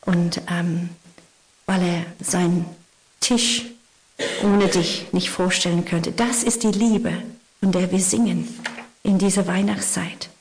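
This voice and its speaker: A woman preaching a Christmas sermon, telling stories and often dropping to a hushed whisper for emphasis. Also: fairly low pitch, fairly even intonation, slow, pauses often, slight background noise. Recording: long hall reverb.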